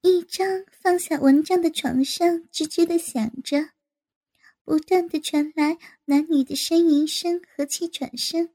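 A woman narrating an adult audio story in an unhurried, even reading style. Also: high-pitched.

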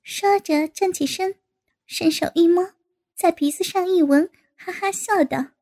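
Woman narrator, very high voice, steady storybook reading. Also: measured pace.

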